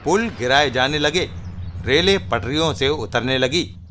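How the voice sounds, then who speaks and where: A man's voice: medium pitch, animated, measured pace, bright, forceful tone, a little hiss or hum. A man narrating a comic-book story in a dramatic, scripted style.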